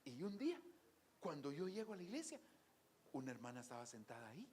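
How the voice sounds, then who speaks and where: A male pastor preaches in church, his pitch leaping up and down as he tells a story. He drops to quiet asides, then bursts out loud. A faint hum sits behind him. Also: fast. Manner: lively storytelling, swings from soft asides to loud exclamations. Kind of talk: sermon.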